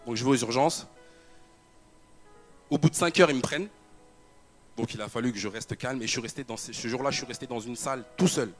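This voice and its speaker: Young man, personal testimony, repeats himself, soft music behind. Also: mid-range voice, a little fast, pauses often. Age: young adult. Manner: storytelling with repetitions and fillers. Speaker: church member giving a testimony. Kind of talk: personal testimony told to an audience.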